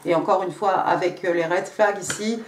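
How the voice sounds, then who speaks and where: A woman giving a casual tarot reading, talking straight to the viewer in a chatty, halting way, repeating herself and filling pauses. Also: lowish voice, steady tone, a little hiss or hum. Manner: chatty, halting, repeats words, many fillers; speaks directly to the viewer. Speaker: tarot card reader. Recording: echoey room.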